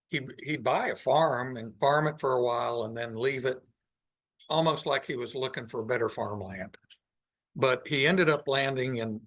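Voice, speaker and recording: A man with a mid-range, slightly bright voice gives an informal slide presentation to a live audience in a meeting room. He thinks aloud as he goes, pausing often.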